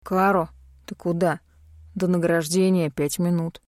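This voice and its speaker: A woman voicing a calm young male friend who gently tries to talk her round. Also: sits high, a little slow, no echo, studio quality. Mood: coaxing. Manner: gently persuasive.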